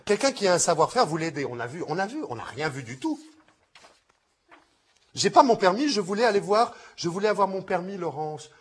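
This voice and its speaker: A man's voice: high-pitched, sing-song, brisk, husky. A man reading short comic plays aloud, taking on every part himself and switching between character voices.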